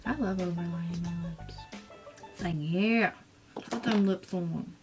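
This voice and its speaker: A woman's voice: on the low side, unhurried, over music. A young woman chatting casually as she does her makeup for a vlog, drifting into whispers now and then. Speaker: beauty vlogger.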